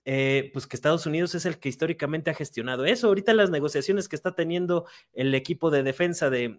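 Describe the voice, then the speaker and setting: A man with a Mexican accent giving political commentary as a journalist guest, with frequent stammered restarts and fillers. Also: a little high. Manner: indignant, critical tone.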